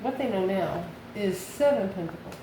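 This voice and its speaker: An American woman with a medium-pitched, expressive voice gives a casual, off-the-cuff tarot reading at normal speed, musing aloud and answering her own questions. The recording has an echoey room and clear background noise.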